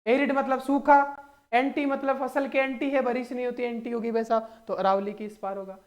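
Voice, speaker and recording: A man's voice: very high-pitched, level tone, normal speed. A man coaching students for exams, teaching through playful mnemonic stories and rhetorical questions, often calling his listeners brother and friends. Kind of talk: energetic exam-prep lesson.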